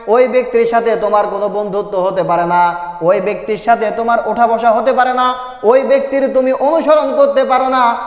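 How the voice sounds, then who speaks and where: An older man preaching a sermon, asking the crowd rhetorical questions and chanting verses in a slow melody. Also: high-pitched. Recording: echoey hall, sound from a distance.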